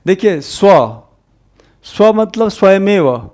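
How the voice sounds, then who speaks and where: A man teaching an exam-prep Hindi grammar lecture, explaining patiently and repeating the sounds aloud, rising on key points and dropping low at the ends of phrases. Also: big pitch swings, slow, darkish tone.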